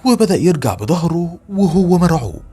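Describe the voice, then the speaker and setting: A man with an Egyptian Arabic accent tells a first-person horror tale in a tense, dramatic, emotional way. His pitch swoops widely, and his voice has a slightly husky edge. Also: very animated, fairly quick, dark tone. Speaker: storyteller.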